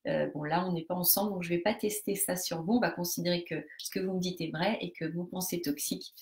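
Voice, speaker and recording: Woman, group coach, low pitch, gravelly, hesitant, instructive, live session. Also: fairly even intonation, fast. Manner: hesitant, many fillers and restarts while explaining; instructive, talks directly to participants.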